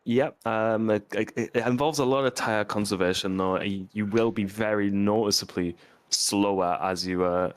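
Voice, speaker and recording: A man co-commentating a league sim race, hesitant with fillers between points and more animated when the cars are racing. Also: lowish voice, normal speed, smooth. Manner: hesitant, many ums and restarts, gets animated during race action.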